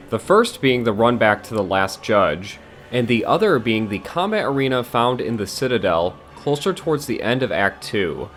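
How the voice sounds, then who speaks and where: A man giving a scripted, blunt and exasperated game critique as a video essayist, swearing now and then. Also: mid-range voice.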